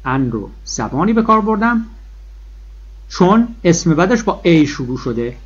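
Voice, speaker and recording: A man teaching a grammar lesson, his voice sitting a touch high and coming through husky. He stresses and repeats every key point and draws example words out slowly. The recording is dull and lo-fi. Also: very animated. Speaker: English teacher. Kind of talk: classroom-style grammar lesson.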